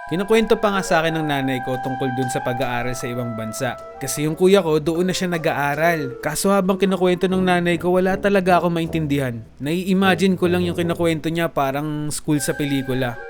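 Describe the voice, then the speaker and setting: A young man from the Philippines narrating a comedic storytime for an animated video, with playful jokey asides to viewers. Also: a little high, a little fast. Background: background music.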